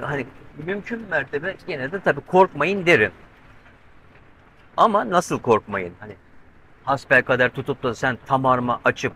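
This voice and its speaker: A solo sailor in middle age chats to the camera from his boat's covered cockpit at sea, explaining step by step while tensely watching the weather. His high voice sounds pushed and bright through a handheld camera with a pole mic. The rough recording has a little hiss or hum.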